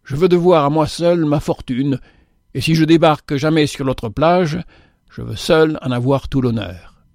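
A man's voice: fairly high pitch, a little slow, a little mellow, dry recording, clean studio sound. A man reading aloud voices a proud, defiant young brother who insists on going alone.

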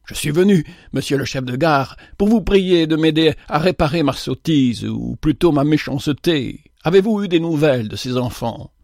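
A man reading a storybook, voicing a remorseful old gentleman traveler who pleads earnestly and insistently. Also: fairly high pitch, expressive, moderate pace, gravelly, few pauses, no echo, studio quality. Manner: pleading, insistent, voice trembling with emotion.

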